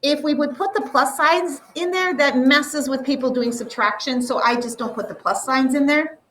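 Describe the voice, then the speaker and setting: A woman teaching a math lesson to a classroom, explaining step by step and slowly drawing out the numbers. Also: high voice, a bit bright, recorded from a distance, a little hiss or hum, low-quality recording.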